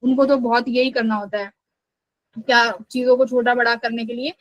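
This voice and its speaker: A young woman with a high voice leads a live online physics class. She explains step by step and keeps checking that her students understand. Her voice sounds dry and close, with no room echo. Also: little pitch movement, normal speed, dull audio. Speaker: physics teacher.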